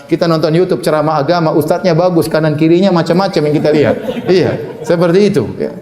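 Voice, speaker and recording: A man giving a Ramadan sermon in an animated manner, quoting Arabic and translating it, with humorous asides. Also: on the high side, fast. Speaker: preacher. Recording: echoey room.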